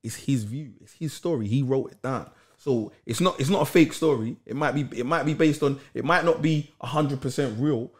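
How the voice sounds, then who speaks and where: A man's voice: medium pitch, a little fast, a little mellow. A man hosting a casual sit-down chat, laid-back and repeating his phrases, full of street slang. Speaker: podcast host.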